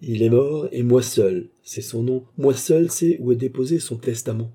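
A man's voice: medium pitch, normal speed, mellow, husky, voice pushed up, natural voice. A man voicing a cold, scheming male baronet who dominates the man he is speaking to, in an audiobook reading. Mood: cold, commanding.

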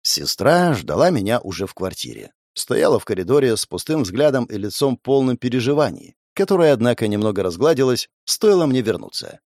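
A man narrates a first-person audiobook in a sardonic, mocking voice. His pitch swings widely as he reads, and the sound is dry and close. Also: big pitch swings, a little fast, hardly any pauses, darkish tone, no echo.

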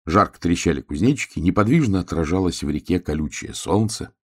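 A man narrating a children's fairy tale in a lively, expressive storybook manner. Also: sits low, brisk.

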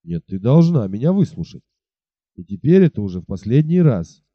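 A man voicing a jealous, threatening village woodsman in an audiobook, low and forceful. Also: sing-song, moderate pace, no room sound, highs cut off. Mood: pleading. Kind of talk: audiobook character voice.

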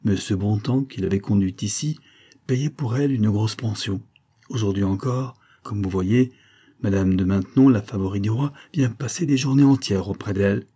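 A man's voice: lowish voice, moderate pace, mellow, breathy edge. A man voicing a chatty older village innkeeper who confides local gossip. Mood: gossipy.

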